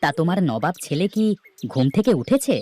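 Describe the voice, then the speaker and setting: A man's voice: on the high side, sing-song, fairly quick, darkish tone. Guy doing a grumpy farmer dad, sarcastic, voice swings up and down a lot. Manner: scolding, sarcastic. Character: village farmer father, stern and grumbling. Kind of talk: cartoon voice acting.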